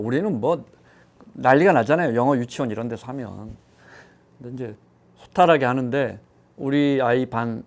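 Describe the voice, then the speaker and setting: A middle-aged man chatting on a talk panel, telling personal stories and acting out quoted voices. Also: medium pitch. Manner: storytelling, animated quoting of others. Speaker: economics show panelist. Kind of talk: casual chat.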